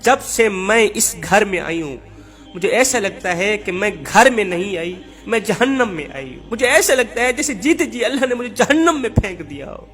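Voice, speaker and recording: A man's voice: high voice, animated, moderate pace, a bit bright, soft background music. A man voicing a mistreated wife who pleads and laments her lot. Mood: pleading, lamenting. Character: wronged, pleading young wife.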